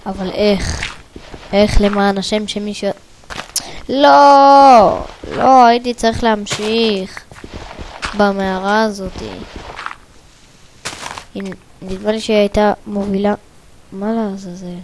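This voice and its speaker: A woman giving let's play commentary on her own gameplay, muttering quietly to herself and then breaking into excited bursts of repeated exclamations. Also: mid-range voice, pauses often, a little hiss or hum. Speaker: gaming video creator.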